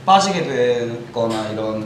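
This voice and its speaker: A man's voice: mid-range voice, lively intonation, slow, crowd noise. A young man in his twenties talks casually as a guest, chatty and upbeat, and he laughs easily. His voice moves up and down a lot. The room is echoey. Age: 20s. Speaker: guest rapper. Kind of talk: casual interview chat.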